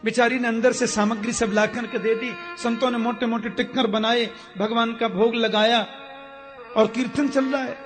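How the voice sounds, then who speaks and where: A man's voice: very high voice, little pitch movement, normal speed. A man telling a devotional story as a sermon, acting out the characters expressively. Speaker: religious storyteller. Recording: echoey hall with faint music.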